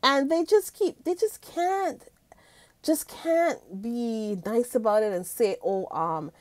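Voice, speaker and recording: A woman's voice: a little high, takes it slowly, darkish tone, no room sound. A woman vlogger talking casually to her viewers, chatty and gushing, often calling them guys. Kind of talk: casual commentary chat.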